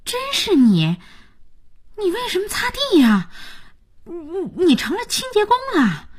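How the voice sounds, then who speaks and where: A woman's voice: fairly high pitch, huge pitch swings, moderate pace, a little hiss or hum. A woman voicing a hot-headed, protective younger sister who speaks in an indignant, exclamatory way.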